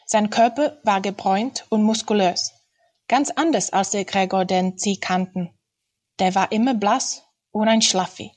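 A woman reading aloud from a children's fairy-tale novel in a measured storytelling manner. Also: medium pitch, a little mellow. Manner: slow, deliberate storytelling. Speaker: reader.

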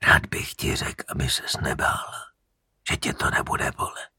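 A man's voice: dry recording, studio quality. A man voicing a cold, menacing male killer in a whispered role-play within an audiobook. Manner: quiet, cold, unvoiced whisper.

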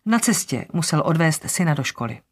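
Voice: medium pitch, big pitch swings, husky. Businesslike lady investigator, read by narrator, polite but firm. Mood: brisk. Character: brisk woman investigator, lawyer, matter-of-fact.

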